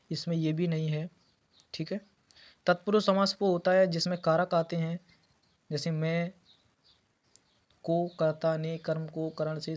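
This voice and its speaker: A man teaching an exam preparation lesson, going through quiz answers and patiently repeating key words. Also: a little high. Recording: dull lo-fi audio.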